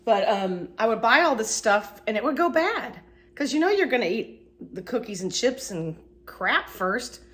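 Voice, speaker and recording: A middle-aged vlogger with a stuffy cold rambles casually in her home kitchen, poking fun at herself in a chatty cleaning vlog. Her voice is fairly high and very animated, a bit bright, at a moderate pace.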